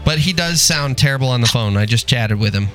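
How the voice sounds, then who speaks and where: A man's voice: medium pitch, animated, brisk, pushed and bright, faint music behind. A man hosting a casual podcast, joking and laughing often with his guest. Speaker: podcast host.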